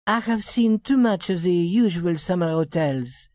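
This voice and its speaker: A woman voicing a young working woman who poses as a rich lady in a storybook reading, speaking softly and politely. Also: lowish voice, animated, measured pace, no echo. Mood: refined. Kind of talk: storybook reading for English learners.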